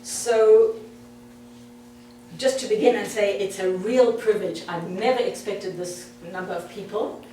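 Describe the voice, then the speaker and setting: This woman in her sixties, a South African guest speaker, chats her way through a presentation in a meeting hall with a medium-pitched, dark voice, a little slow. The echoey hall and far-off mic leave a bit of hiss or hum.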